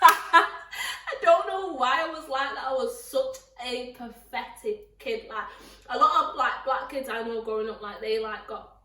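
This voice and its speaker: A young woman tells stories to camera in a casual, animated way, laughing often and jumping into high, mocking voices. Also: unhurried, echoey room, recorded from a distance. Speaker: vlogger.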